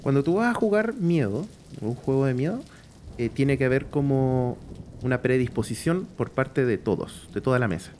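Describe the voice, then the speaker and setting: A Chilean man chatting casually on a podcast about horror role-playing, pausing often with fillers and restarts. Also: medium pitch, animated, darkish tone, slight background noise. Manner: hesitant, many fillers and restarts. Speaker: podcast host discussing tabletop horror games.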